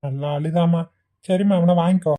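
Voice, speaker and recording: A woman's voice: lowish voice, fairly quick, warm tone, lightly acted. A woman voicing a kindly elderly man in a cartoon who frets while minding a crowd of children. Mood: flustered. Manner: fretful, flustered. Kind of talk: cartoon voice acting.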